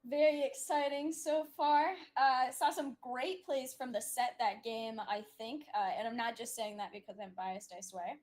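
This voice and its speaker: A woman's voice: on the high side, steady tone, moderate pace, hardly any pauses, a little mellow. A woman giving color commentary on a live esports match over a headset, chatty and full of fillers. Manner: hesitant, many fillers, chatty. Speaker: esports co-caster.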